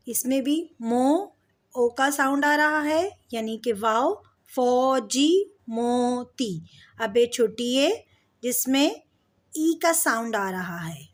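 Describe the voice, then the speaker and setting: Woman teacher, slow and patient, slightly high voice, draws out each word. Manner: patient, drawn-out words for pupils. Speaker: Urdu teacher. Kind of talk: slow alphabet lesson.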